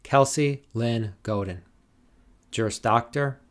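A man formally reading out graduates' names and degrees at a commencement, in a slow, measured, deliberate way. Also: medium pitch. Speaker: commencement name reader.

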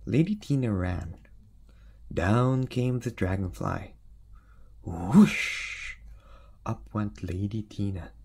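A man reading a picture book aloud in a relaxed way, pointing out the pictures and adding asides. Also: lowish voice, unhurried, slightly rough. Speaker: storyteller.

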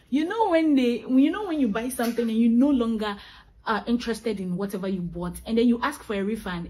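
A woman's voice: fairly high pitch, mellow, rough recording. A young woman venting in a vlog, emphatic and exasperated, repeating her points for effect. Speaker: vlogger. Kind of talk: ranting vlog monologue.

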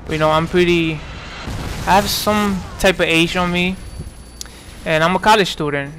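A high-pitched, slightly bright man's voice comes through with a steady tone and a somewhat slow pace, against slight background noise. He's a gaming commentator in his 20s from New York, offering casual, wandering remarks full of fillers and false starts.

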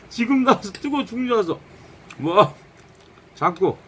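A man's voice: high-pitched, slight background noise. A man streaming a live eating show, talking casually with his mouth full while chewing, exclaiming and mumbling between bites. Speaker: mukbang streamer.

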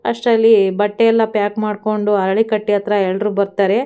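A woman narrating a TV serial recap in a steady, matter-of-fact storytelling manner. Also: mid-range voice, brisk, clean tone, lo-fi sound.

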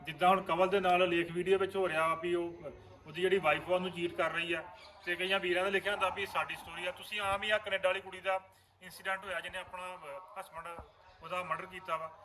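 Fast-talking high-voiced man chatting. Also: little pitch movement, pushed and bright. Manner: earnest, explanatory, addresses viewers directly. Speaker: vlogger and actor. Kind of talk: casual chat.

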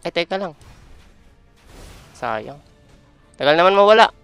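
Slow, smooth-voiced Filipino man streaming a game. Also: high-pitched, very animated, fairly bright tone, dry recording, faint music behind. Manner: playful trash talk, mixing Tagalog and English. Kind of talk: live gameplay commentary.

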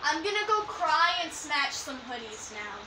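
A woman's voice: high-pitched, very animated, moderate pace. A young woman chatting late at night for her video, giggly and rambling. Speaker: video maker. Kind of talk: casual late-night chat. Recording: noisy home recording.

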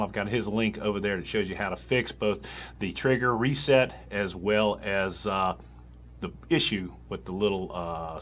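A man's voice: fairly low pitch, a little hiss or hum. A man hosting his own channel, talking casually and rambling a little, with frequent fillers and chuckles. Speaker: gun channel host. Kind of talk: casual commentary to camera.

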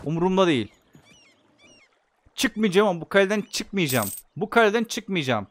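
A man giving casual let's play commentary on a strategy game, excitable and talking back to the game. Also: high-pitched, normal speed. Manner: excitable, talks back to the game and swears at opponents. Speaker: video game player and commentator.

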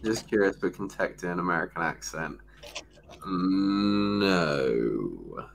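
Giggly sheepish chatter, lively intonation, faint background noise. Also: sits low, slow, creaky. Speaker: livestream co-host. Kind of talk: casual chat.

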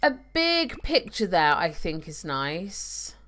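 Playing a game live from home, this streamer chats easily and reads out comments from viewers through a desk mic on her webcam stream. Her fairly low voice is sing-song and fairly bright, and she takes her time.

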